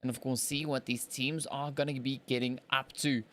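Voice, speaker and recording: Solo live stream commentary on a mobile battle royale tournament comes from an African esports caster with a medium-pitched, fairly bright voice, flat delivery and normal speed. He rambles chattily, uses lots of fillers, and laughs at his own mistakes.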